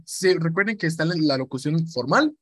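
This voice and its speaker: A man's voice: a little high, lively intonation, moderate pace, fairly bright tone, husky, no room sound. Chatty man teaching radio presenting. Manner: chatty, repeats himself, demonstrates voices. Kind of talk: informal online lesson.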